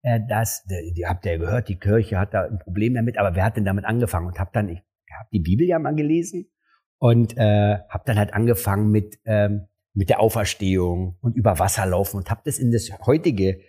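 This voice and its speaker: Male stand-up, husky, animated storyteller in a chat. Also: fairly quick. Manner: animated, acts out dialogue with jumps in pitch. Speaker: stand-up comedian. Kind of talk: casual interview storytelling.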